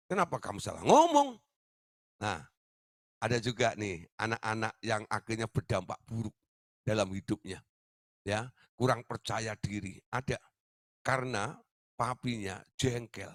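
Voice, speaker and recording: A man's voice: mid-range voice, lively intonation, a little slow, long pauses, no room sound, studio quality. A man preaching a teaching sermon, talking directly to his listeners and often tagging his sentences with "ya". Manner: addresses listeners as "Saudara", tag-question fillers.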